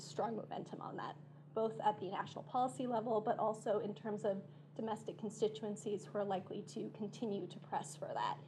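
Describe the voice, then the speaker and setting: A woman giving formal policy commentary as a panel discussant, her voice failing and hoarse, clearing her throat now and then. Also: a little high, a little mellow, slight background noise. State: losing her voice. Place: seminar room.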